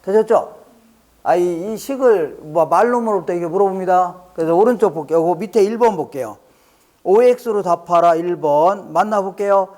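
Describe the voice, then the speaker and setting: An exam prep lecturer teaches a live class, his high-sitting voice a little mellow and moderately paced. He repeats key phrases, checks constantly that everyone follows, and jokes lightly with the students.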